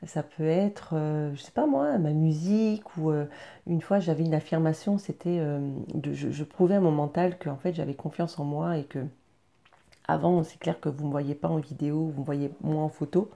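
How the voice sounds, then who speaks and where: A woman's voice: deep voice, moderate pace, vocal fry, warm tone. A woman talking casually and earnestly to her viewers about her daily routine, hesitating often with fillers and restarts. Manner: earnest, encouraging, speaking directly to viewers. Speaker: vlogger sharing personal routines. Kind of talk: casual personal vlog.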